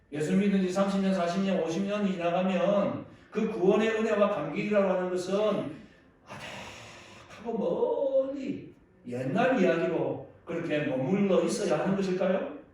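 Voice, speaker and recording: A male pastor preaching earnestly in a church sanctuary, swinging between loud exclamation and quiet reflection. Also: sits high, fairly quick. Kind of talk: sermon. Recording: echoey hall, distant mic.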